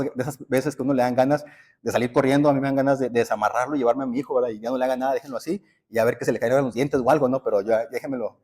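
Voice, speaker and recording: A pastor preaches in a church sanctuary, telling stories conversationally and addressing the congregation as brothers. He has a slightly mellow, mid-range voice.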